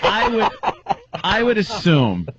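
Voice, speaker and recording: A man's voice: sits high, wildly swooping pitch, takes it slowly, very noisy. A man trading jokes with his co-hosts on a radio talk show, incredulous and teasing. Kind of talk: casual radio banter. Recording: dull lo-fi radio broadcast.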